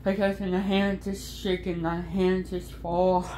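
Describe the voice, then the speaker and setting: A woman vlogging casually from her phone, exclaiming often in excitement. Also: fairly low pitch, slow, slight background noise. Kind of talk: casual vlog talk.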